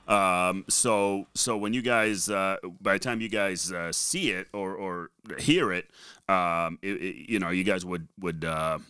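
A man's voice: deep voice, measured pace, sharp tone, smooth, no room sound. A man with a Boston accent chatting informally as co-host of a podcast, swearing now and then. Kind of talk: casual podcast chat.

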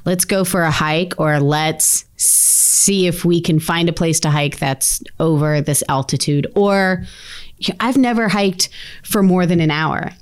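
A woman's voice: lowish voice, unhurried, clear, resonant tone. A woman co-hosting a casual podcast chat, talkative, often trailing off mid-thought. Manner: chatty, laughs often, trails off. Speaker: podcast co-host.

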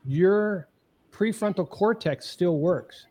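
A man's voice: sits high, slow, dark tone. A middle-aged man, a marriage coach guesting on a podcast interview, explaining things step by step in an earnest, emphatic way. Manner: emphatic, often asks the listener "okay?".

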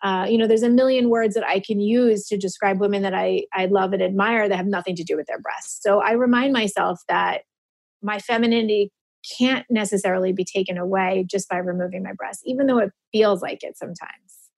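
A woman's voice: mid-range voice, fairly even intonation, a little fast, gravelly. A woman in her forties talking openly and earnestly as an interview guest, emotional at times. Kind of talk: candid personal conversation.

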